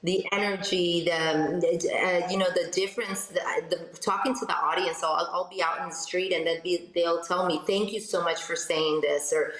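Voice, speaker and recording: A woman's voice: on the low side, moderate pace, few pauses. Chatty South American woman, echoey room. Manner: chatty, animated storyteller with many restarts. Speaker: radio host guest. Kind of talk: casual interview chat.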